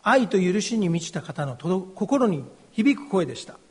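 A middle-aged man, a pastor, giving a slow and earnest personal testimony as a sermon. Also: high-pitched, sing-song, breathy edge. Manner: slow, earnest, confessional delivery. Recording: long hall reverb.

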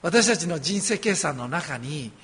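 A man from Osaka, Japan preaching a sermon as a pastor, earnest and conversational with gentle humor. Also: a little high, animated, measured pace, breathy edge. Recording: long hall reverb.

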